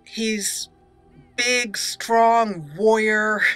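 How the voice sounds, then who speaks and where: With video game music underneath, a YouTube host chats and giggles casually through her roleplay playthrough. Her fairly high, fairly bright voice stays fairly even and moves extremely slowly.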